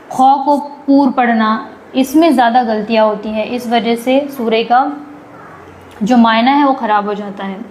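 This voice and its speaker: A woman teaches Quran recitation in a live online class, and her voice sits on the higher side. She draws each recited word out slowly, then speeds up to explain it, often asking a question and answering it herself. A faint background hiss runs under the whole recording. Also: darkish tone, low-quality recording. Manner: slow drawn-out recitation with quick explanations between. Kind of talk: live online tajweed lesson.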